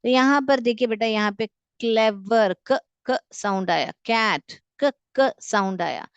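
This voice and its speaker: A woman's voice: a little high, unhurried, clean tone, no echo, dull audio. A woman teaching a class, patiently explaining quiz questions and repeating each sound several times. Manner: patient, repeats sounds, calls students "beta". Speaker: school English teacher.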